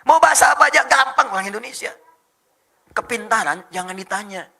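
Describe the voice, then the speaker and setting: A middle-aged man preaching a lively sermon, animated and joking, firing off rhetorical questions to the crowd. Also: sits high, a little fast, vocal fry. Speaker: Islamic preacher.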